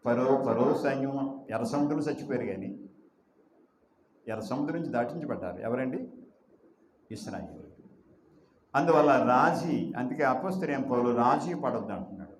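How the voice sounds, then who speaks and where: A man's voice: mid-range voice, lively intonation, a little fast, pauses often, a little mellow, echoey room, slight background noise. A man preaching a sermon as pastor, emphatic, asking rhetorical questions and drawing out repeated phrases.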